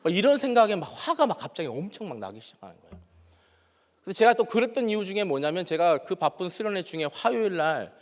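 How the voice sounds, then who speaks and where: Male pastor, higher voice, very lively pitch, acts out scenes, long church reverb. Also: fast. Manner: animated, acts out his own past dialogue. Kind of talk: sermon with personal storytelling. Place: church sanctuary.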